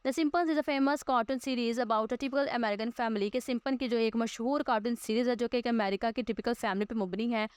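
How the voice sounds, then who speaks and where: A woman teaching a school English lesson, reading English lines slowly and then explaining them quickly with fillers. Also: on the high side, steady tone, clean tone, no room sound.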